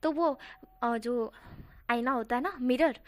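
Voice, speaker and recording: A woman's voice: on the high side, slow pace, no echo. A woman narrating a fanfiction story in a chatty, casual way, correcting herself and adding asides.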